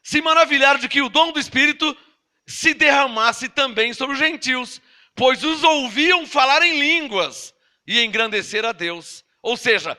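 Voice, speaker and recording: Delivering a sermon, this Brazilian pastor speaks with a Brazilian Portuguese accent and an unhurried, very high-pitched, bright, forceful voice. His tone is emphatic and scolding as he throws rhetorical questions at the congregation.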